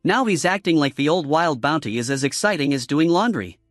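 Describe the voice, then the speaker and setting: A man narrating a comic story recap in a smooth, wry scripted style. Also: a little high, expressive, brisk, no room sound. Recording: dry close voice-over with music.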